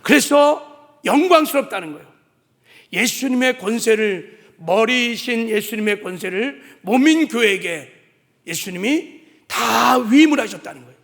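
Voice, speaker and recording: High-voiced man preaching in a large hall. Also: animated, a little slow. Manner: emphatic, repetitive preaching that builds to shouts. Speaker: senior pastor. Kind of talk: sermon. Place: church sanctuary. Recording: long reverb of a large hall.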